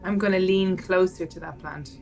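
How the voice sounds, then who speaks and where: A woman's voice: on the low side, steady tone, normal speed, darkish tone. A woman chatting casually as a player in a tabletop role-playing game. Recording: clear background noise.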